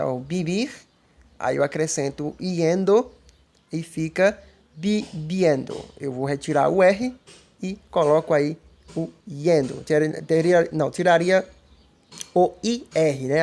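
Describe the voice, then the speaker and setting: Teacher, mid-pitched, walks students through grammar patiently. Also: creaky, a little mellow. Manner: patient, repetitive explaining with frequent "né?" and "ó". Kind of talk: recorded online grammar lesson.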